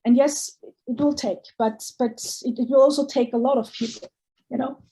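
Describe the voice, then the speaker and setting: Woman from Austria, interview guest, earnest and searching, mellow and slightly high. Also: steady tone, moderate pace. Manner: earnest, searching, with many restarts. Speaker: guest artist. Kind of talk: casual interview talk.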